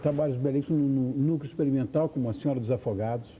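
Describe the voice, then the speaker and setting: Tv talk show host guy, effusive, very dark mellow voice, faint studio hum. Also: medium pitch, very fast, low-quality recording.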